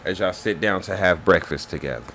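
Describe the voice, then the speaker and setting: A man's voice: deep voice, a little fast, sharp tone, a little hiss or hum. A man running a tabletop game as game master, talking in a laid-back, slangy drawl.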